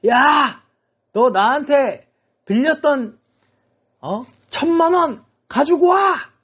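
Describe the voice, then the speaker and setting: A man voicing a hot-tempered bald middle-aged male debtor in a children's sermon story, shouting and jabbing his finger at someone. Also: very high-pitched, animated, slow pace, pitched above the performer's own voice, exaggerated voice. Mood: angry shouting.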